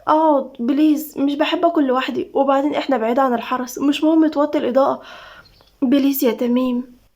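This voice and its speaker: A teasing, bored young woman with an Egyptian accent chats and coaxes in a spoken storybook, voiced by a woman. Her voice is bright and high and her pace quick. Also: fairly even intonation. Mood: playful. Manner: playful, coaxing.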